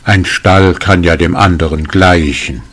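A man's voice: sits low, fairly even intonation, measured pace. A man voicing a simple, trusting farmer who is confused and earnestly pleading, in a read-aloud folk tale. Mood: puzzled.

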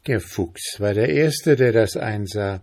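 A man reading a storybook story aloud as narrator, with expressive, unhurried narration. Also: fairly low pitch. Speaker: story reader.

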